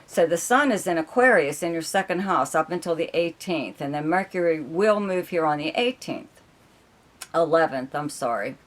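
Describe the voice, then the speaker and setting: A woman reading a monthly horoscope forecast as an astrologer, rambling with many fillers and checking in with "okay?", her voice going hoarse. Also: deep voice, expressive, normal speed. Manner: rambling, filler-heavy, keeps adding "okay?". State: losing her voice.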